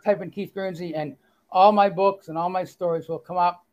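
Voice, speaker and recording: This guest author has a Boston accent and a voice that sits high, with a steady tone at a moderate pace. He reads his story aloud and chats in a casual interview, good-humored, self-deprecating, and using fillers. The recording has its highs cut off.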